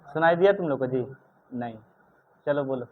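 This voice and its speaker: A man's voice: medium pitch, animated, moderate pace. A male teacher in a classroom, running a grammar lesson and firing questions at students, stern and scolding. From India. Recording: tinny phone-like recording.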